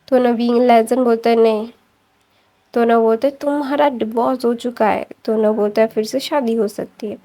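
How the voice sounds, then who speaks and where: A woman casually retelling a fan story, chatty, linking sentences with fillers and quickly correcting herself. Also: fairly high pitch, fairly even intonation, mellow.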